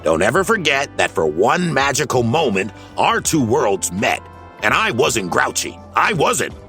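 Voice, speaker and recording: Guy doing a grumpy little smurf for a kids story, sappy and pleading, swoopy pitch. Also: sing-song, measured pace, pushed and bright, faint music behind, full character voice. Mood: pleading, lovesick. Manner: melodramatic, pleading.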